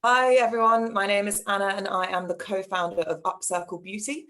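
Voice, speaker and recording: A woman co-founder giving an introductory business pitch as a panelist. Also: steady tone, brisk, pushed and bright.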